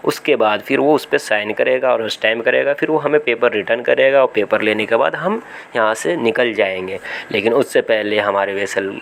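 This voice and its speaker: Recorded on a phone camera aboard a small vessel at sea, a man with an Indian Hindi accent, a seafarer vlogger, chats casually and thinks out loud, stumbling through restarts and fillers. His voice sits on the low side with vocal fry and a faint hiss or hum.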